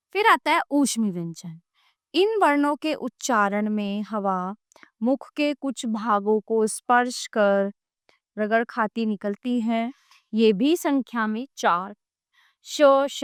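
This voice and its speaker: Brief: woman teacher reading a lesson slowly, fairly high voice, close and dry. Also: clean tone, no echo. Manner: slow, deliberate listing of letters with classroom asides. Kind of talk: reading a grammar lesson aloud.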